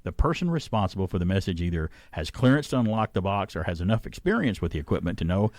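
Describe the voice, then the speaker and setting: A man's voice: sits low, sing-song, fast, darkish tone, no room sound. A man hosting a casual radio chat in a rambling, folksy way, close on a studio mic. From Atlanta area, United States. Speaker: radio host. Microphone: close broadcast mic.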